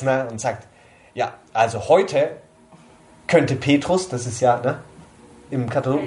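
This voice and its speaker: Chatty German preacher with a higher voice. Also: male voice, a little mellow. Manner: conversational, asks listeners often. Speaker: preacher at a small church group. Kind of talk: informal sermon.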